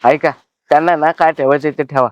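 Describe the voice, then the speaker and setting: Man acting caring stepson, earnest, firm, high voice, dry sound. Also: fairly even intonation, a little fast, no echo, dull audio, close to an everyday voice. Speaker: stepson searching for his father. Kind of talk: village family drama acting.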